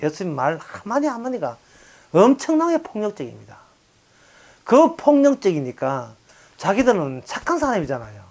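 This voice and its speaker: A man's voice: sits high, normal speed. Korean pastor guy w gyeongsang accent, preaching a bible lecture, voice swings all over, acts out the characters. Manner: animated, acts out quoted voices, chuckles.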